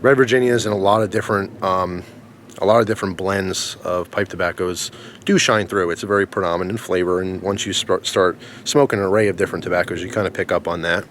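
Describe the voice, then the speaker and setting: A man giving a casual product review in a rambling, halting way, recorded outdoors. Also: low-pitched, steady tone, fairly bright tone, a little hiss or hum. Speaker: pipe tobacco reviewer. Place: outdoors in the snow in winter.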